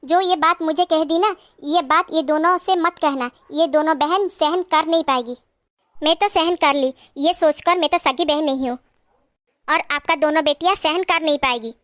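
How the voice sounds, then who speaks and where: A woman's voice: high voice, moderate pace, fairly bright tone, dry recording, clean studio sound. A woman acting in a short comedy skit, talking in an earnest, emotional, pleading way. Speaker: comedy sketch creator.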